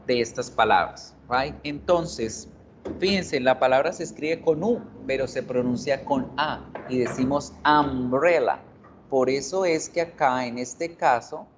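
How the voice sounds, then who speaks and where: A man's voice: medium pitch, muffled recording, slight background noise. A man teaching an online English class, explaining step by step and repeating example words several times.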